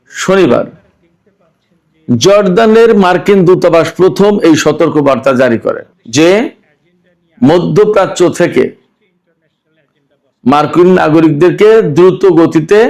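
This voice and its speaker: A man hosting a news commentary show, speaking in a measured, deliberate way and asking rhetorical questions. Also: on the high side, creaky, a little mellow. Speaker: host.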